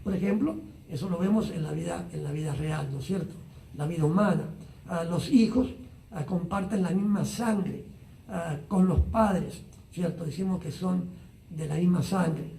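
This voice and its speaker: High-voiced preacher in a roomy echo. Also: male voice, creaky, warm tone, distant mic. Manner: unhurried, many "ah" fillers and tag questions. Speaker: pastor. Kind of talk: Bible study teaching. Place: church Bible study streamed live online.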